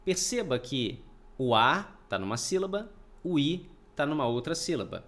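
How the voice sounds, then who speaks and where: A male teacher giving a recorded online grammar lesson. His pitch rises and falls a lot as he explains patiently, sounds out each syllable and keeps checking that students follow. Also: big pitch swings, moderate pace, a bit bright. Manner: explanatory, repeats points, checks in with "tá?". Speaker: Portuguese teacher.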